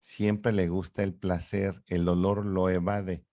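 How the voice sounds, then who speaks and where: A middle-aged man speaks in a lowish voice, lecturing with lively rhetorical questions. The sound is close and dry, with no room echo. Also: slow. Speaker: psychologist guest. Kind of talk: explanatory interview talk.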